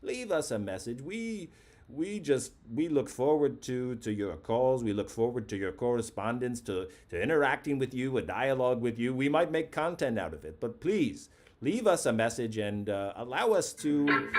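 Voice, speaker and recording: A man hosting a late-night comedy call-in show, mid-pitched and unhurried. He talks in a mock-grandiose, rambling way. He keeps circling back over his own phrases as if savouring them. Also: expressive.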